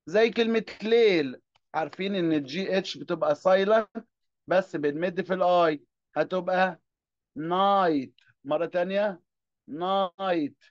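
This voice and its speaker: A man's voice: high-pitched, normal speed, no echo, lo-fi sound. A man with an Egyptian Arabic accent teaching children English phonics, patiently drilling them one word at a time. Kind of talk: classroom phonics lesson.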